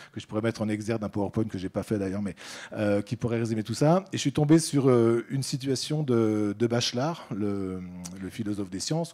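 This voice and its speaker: Middle-aged male speaker, warm low-key tone, conference talk full of hesitations. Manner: hesitant, many fillers and restarts, addresses audience and colleagues. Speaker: director of an addiction care organisation, conference speaker.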